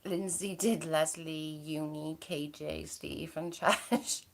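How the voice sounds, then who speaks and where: Low-pitched and slow, with vocal fry and a steady tone, a woman hosts a livestream, cheerfully gossiping as she reads comments from viewers. She is from Wales and has an accent from near the English border.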